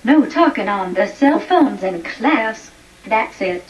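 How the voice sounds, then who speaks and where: A female computer voice playing a strict teacher, flat and synthetic, heard from afar with a dull sound. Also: fairly high pitch, slow pace. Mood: scolding. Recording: distant, dull TV-speaker sound.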